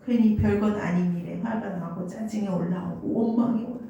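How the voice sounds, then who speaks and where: Speaking a little fast in a mid-range, gravelly, mellow voice, a woman pastor preaches by telling stories and questioning her congregation. The highs are cut off, and the church sanctuary gives a very echoey sound.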